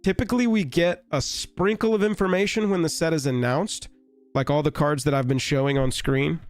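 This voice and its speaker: A man with a hoarse, raspy voice from a recent illness chats casually to his live-stream audience, sitting a little higher in pitch than most men. He talks in a rambling, wry, offhand way, with faint music playing softly behind him. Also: steady tone, normal speed, dry recording. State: sick, hoarse.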